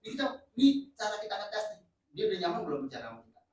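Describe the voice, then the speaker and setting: Lively male trainer in an echoey room. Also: high-pitched, racing. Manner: lively, joking, switches between casual slang and formal teaching. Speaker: communication trainer. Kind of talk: workshop teaching. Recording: echoey room, mic far off, faint noise.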